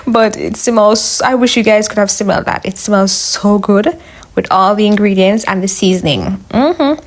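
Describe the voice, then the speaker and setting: Casting: female home cook with Jamaican accent, medium pitch, chatty step-by-step narration for online viewers. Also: normal speed. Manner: chatty, instructional, addressing viewers as guys. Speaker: home cook, video host. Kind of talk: casual cooking voice-over.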